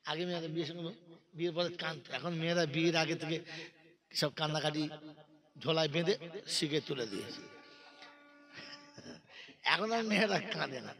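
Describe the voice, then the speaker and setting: A man's voice: on the high side, creaky. A man preaching an Islamic sermon with sung verses and comic stories, quizzing his listeners. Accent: Bengali as spoken in West Bengal, India. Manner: chants opening verse slowly, then tells jokes conversationally and quizzes the crowd. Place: large religious gathering. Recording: live crowd at an outdoor religious gathering. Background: crowd of listeners.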